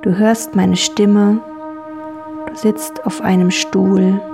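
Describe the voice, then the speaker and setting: A woman leads children through a guided dream journey in a calm, soothing voice. She speaks very slowly and repeats her phrases gently. Soft music plays clearly beneath her words. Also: medium pitch. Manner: slow, calm, soothing and repetitive.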